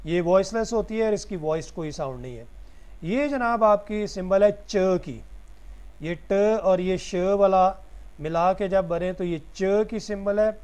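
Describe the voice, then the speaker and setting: A man's voice: high voice, darkish tone. A man giving a recorded lecture, explaining each point step by step and answering his own questions.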